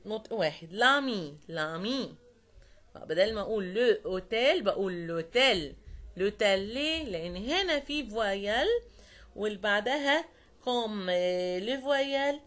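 A woman with an Egyptian Arabic accent teaching French to young students, repeating each word slowly and checking that they follow. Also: on the high side. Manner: patient, repeats words slowly and checks understanding.

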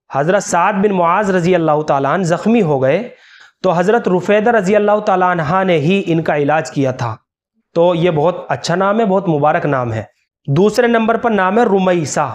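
Male cleric, higher-pitched voice, patient lesson delivery spelling out names slowly. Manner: slow, careful spelling-out of names. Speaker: Islamic scholar. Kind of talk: religious instructional talk.

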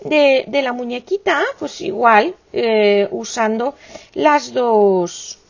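A woman's voice: on the high side, slow pace, creaky, lo-fi sound. A woman, teaching a crochet tutorial in a chatty, affectionate way full of exclamations and diminutives.

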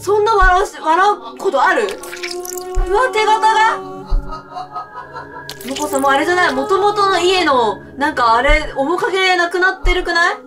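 Very high-pitched excitable woman gamer. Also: normal speed, recorded from a distance, over music. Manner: excitable, frightened reactions and shouts. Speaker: horror game streamer. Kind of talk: let's play commentary.

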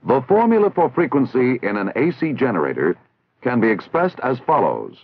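Casting: American man for vintage army instructional narration, measured and didactic with animated intonation, through tinny old film audio. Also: mid-range voice, slight background noise. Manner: formal, measured, didactic enunciation. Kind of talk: scripted instructional narration, 1960s military training film. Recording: tinny, band-limited 1960s film soundtrack.

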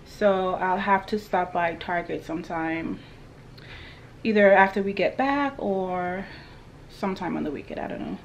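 A woman's voice: fairly low pitch, measured pace, vocal fry. A woman in her thirties chatting casually to a camera held at arm's length while she goes about her day at home and in the car. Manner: chatty, talks straight to a handheld camera. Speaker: vlogger. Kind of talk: casual day-in-the-life vlog. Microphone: phone or camera held at arm's length. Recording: noisy background, car air conditioning.

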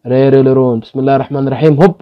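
Fast-talking Egyptian man, gaming host. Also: medium pitch, lo-fi sound. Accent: Egyptian Arabic. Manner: excitable, pleading with luck, grumbling at bad results. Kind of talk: casual gaming commentary.

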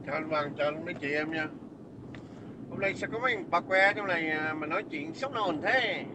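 A man's voice: fairly high pitch, fairly quick, dull audio. A man hurls scornful, profane insults in an angry rant. He sounds like he is calling into a livestream. Heavy wind noise whips across the mic outdoors.

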